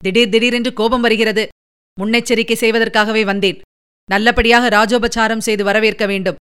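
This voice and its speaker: A woman reading a Tamil story, voicing a young male warrior noble with hurried, earnest warnings. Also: on the high side, level tone, a bit bright, clear, resonant tone, close to an everyday voice. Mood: urgent.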